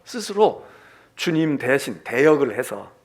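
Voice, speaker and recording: A middle-aged man preaching a Sunday sermon as senior pastor, swinging between hushed whispers and raised, emphatic calls, and acting out quoted lines. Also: medium pitch, sing-song, measured pace. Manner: acts out quoted lines in character.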